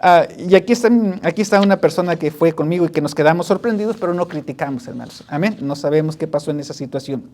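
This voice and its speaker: A woman's voice: low-pitched, fast talker, few pauses, darkish tone. Woman preaching a conversational sermon. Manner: conversational preaching, constantly addressing listeners as brothers; retells anecdotes and scripture with frequent restarts.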